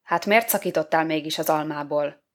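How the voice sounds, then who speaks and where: The Lord of paradise in a storybook reading, a stern, commanding old-fashioned voice, as a woman reads him, fairly low-pitched and formal, handing down judgment in a slow, stately way. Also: natural voice.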